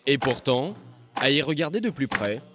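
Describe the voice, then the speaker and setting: A man narrating a television documentary report in a measured, scripted voice-over. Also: mid-range voice, animated. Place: studio voice-over. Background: music.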